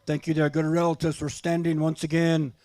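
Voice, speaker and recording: A middle-aged or older man working as a powwow emcee, calling names and making announcements in a folksy, unhurried way, often repeating himself. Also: a little high, completely flat delivery, dark tone, dry recording. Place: live microphone at a powwow event.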